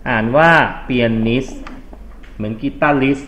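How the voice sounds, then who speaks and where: A man teaching English grammar in a classroom review, speaking with a Thai accent, patient and coaxing as he reads exam sentences slowly. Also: mid-range voice, fairly bright tone.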